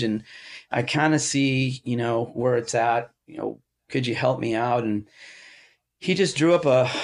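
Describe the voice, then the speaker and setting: A man as an interview guest, telling a casual story in a rambling way, with many restarts and asides, and animated when he quotes others. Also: mid-range voice. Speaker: interview guest, amp builder.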